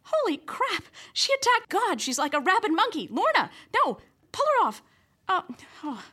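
A woman playing an excitable amateur camerawoman in a sitcom radio play, talking in breathless running commentary. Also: medium pitch, moderate pace, lightly acted. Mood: excited commentary. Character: excitable woman filming a stakeout.

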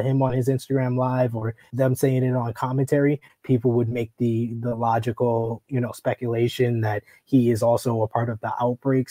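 A man's voice: medium pitch, mellow, dry recording. A man co-hosting a wrestling show, explaining his take casually with plenty of "you know" and "like". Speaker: wrestling writer and co-host. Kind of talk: casual news commentary.

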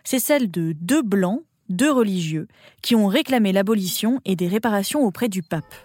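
A woman's voice: medium pitch, lively intonation, a little fast, darkish tone, dry recording. A woman narrating a scripted history documentary with conversational touches.

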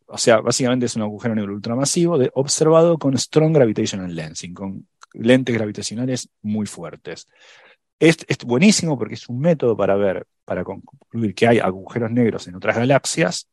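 Low-voiced man explaining science, dry sound. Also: no echo. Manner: thinks aloud with many fillers and restarts. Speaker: science podcast panelist. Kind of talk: casual explanatory chat.

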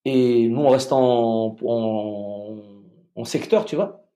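A man, a former soldier, recounting his experience in a casual conversation, halting with restarts and fillers. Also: mid-range voice, mellow. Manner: halting, many restarts and fillers, vivid retelling.

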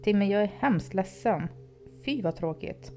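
A woman's voice: mid-range voice, expressive, dark tone, soft background music, pitched above the performer's own voice, natural voice. A woman voicing a nervous, polite teenage male babysitter who stammers anxiously.

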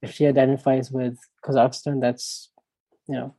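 A man co-hosting a casual tennis chat, thoughtful and often trailing off softly. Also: mid-range voice, level tone, normal speed, no echo, low-quality recording. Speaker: podcast co-host.

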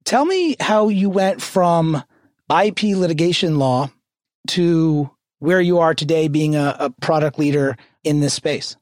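A man's voice: on the high side, lively intonation, a little slow, darkish tone, no echo, studio quality. A man hosting a podcast, reading a polished scripted intro and then asking curious interview questions. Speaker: podcast host.

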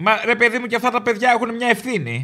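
A man's voice: very high voice, lively intonation, pushed and bright. A man hosting a radio call-in show, teasing and sarcastic with his callers. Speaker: radio host. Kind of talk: mocking radio banter.

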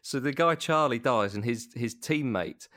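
A man's voice: medium pitch, animated, moderate pace, a bit bright, dry recording, clean studio sound. A man co-hosting a football podcast, telling a story with exasperation in casual chat. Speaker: podcast co-host.

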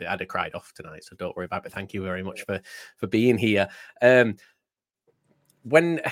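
A man's voice: fairly low pitch, no echo. A British man hosting a podcast in casual chat, rambling and often repeating his words as he starts sentences. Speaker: podcast host.

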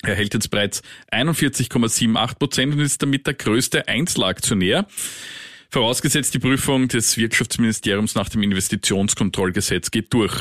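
Guy cohosting money podcast, calm and wry, mid voice, dry close sound. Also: mid-range voice, no room sound. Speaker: finance podcast co-host. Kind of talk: casual chat and read disclaimer.

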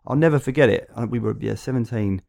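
A man's voice: medium pitch, quick pace, gravelly, darkish tone. A man with an Essex accent telling anecdotes in a casual chat, in a rambling, jokey way. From Essex, England. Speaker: podcast guest.

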